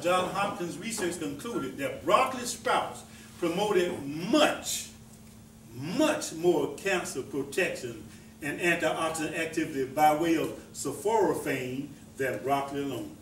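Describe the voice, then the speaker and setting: A man's voice: on the high side, expressive, unhurried, a bit bright, slight background noise. A man giving an informal talk on herbs to a small audience, folksy and repetitive, often asking the listeners questions. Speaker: presenter teaching about herbs. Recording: echoey room, voice heard from a distance.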